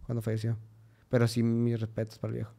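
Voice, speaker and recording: A man's voice: medium pitch, monotone, quick pace, mellow. A young man with a Mexican accent, a guest talking casually and crudely, full of slang fillers. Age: young adult. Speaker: guest musician. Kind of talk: casual interview chat.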